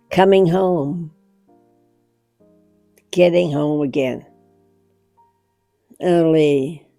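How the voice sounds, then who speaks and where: A very old American woman, about a hundred, reminiscing off the cuff in halting short phrases. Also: low-pitched, dark tone, dry recording. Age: very old, about 100. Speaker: interviewee recalling wartime memories. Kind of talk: unscripted reminiscence.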